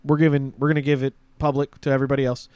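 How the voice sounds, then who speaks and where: A man's voice: mid-range voice, little pitch movement, very fast, a little mellow, smooth, dry recording. A man hosting a podcast, bantering casually about a video in crude, slangy language close on the mic. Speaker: podcast host.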